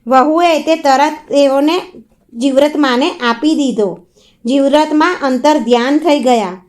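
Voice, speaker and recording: A woman narrating a devotional folk story in a steady, even read-aloud manner. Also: high-pitched.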